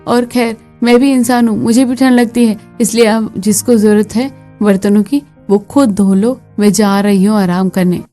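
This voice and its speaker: A woman voicing a fed-up young daughter-in-law in a family skit, sharp-tongued and indignant. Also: mid-range voice, fairly even intonation, moderate pace, hardly any pauses, faint music behind, natural voice. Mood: defiant.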